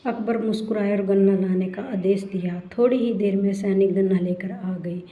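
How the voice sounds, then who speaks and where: A woman narrating a children's storybook in a slow, even reading voice. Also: medium pitch. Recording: roomy, dull lo-fi recording.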